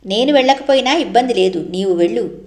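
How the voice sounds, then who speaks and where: A woman's voice: fairly high pitch, lively intonation, a little fast, darkish tone, roomy sound, natural voice. A woman voicing a loyal young male servant who speaks in a worried, deferential way, in a storybook reading.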